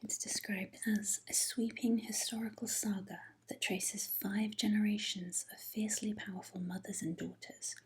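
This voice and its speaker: A woman speaking in a hushed, breathy library whisper, softly chatting and reading aloud as an ASMR host. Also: mid-range voice, little pitch movement, moderate pace, hardly any pauses, rough recording. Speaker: host of an ASMR book haul video.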